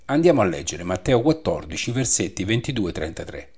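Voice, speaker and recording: A man teaching a Bible study, reading scripture aloud and explaining it in a measured way that repeats the references. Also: sits low, very animated, a little mellow, husky.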